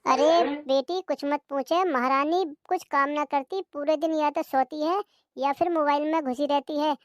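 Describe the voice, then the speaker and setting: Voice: high-pitched, fairly even intonation, normal speed, dry recording, clean studio sound, lightly acted. A voice actor doing a grumbling old cartoon mother-in-law. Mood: complaining. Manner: plaintive, self-pitying grumbling. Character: nagging older mother-in-law, weary and complaining. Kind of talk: cartoon comedy voice acting.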